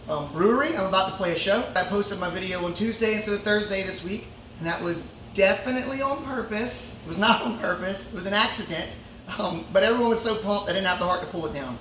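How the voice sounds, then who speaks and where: Before a show at a brewery, a laid-back musician answers fan questions in a casual Q&A, his voice high-pitched and a bit bright. He jokes around with plenty of fillers, and the recording is distant, echoey, and full of ambient noise.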